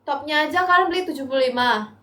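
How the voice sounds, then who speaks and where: A woman's voice: sits high, fast talker, bright, forceful tone, a little hiss or hum. A young Indonesian woman selling clothes on a live stream, chatty and tired, pleading with viewers for likes and gifts. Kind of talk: casual live-selling chat.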